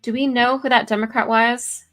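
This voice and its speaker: A woman's voice: a little high, level tone, moderate pace, fairly bright tone. A woman co-hosting a casual political talk show, reading news articles aloud with many fillers and self-corrections. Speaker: co-host.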